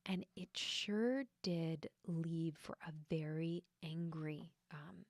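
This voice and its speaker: A soft-spoken young woman hosts her podcast and recounts a confessional personal story in a lowish voice. Her delivery is reflective and hesitant, full of small fillers, and the sound is dry and close with no room echo. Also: slow pace. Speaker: podcast host and intuitive healer.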